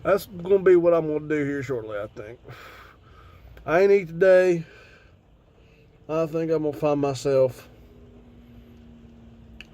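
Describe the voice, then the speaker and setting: This American video host is stoned on cannabis and rambles casually to his viewers, dropping offhand swear words in a laid-back stoner manner. His voice is on the high side with a darkish tone, and the talk is an easygoing vlog chat.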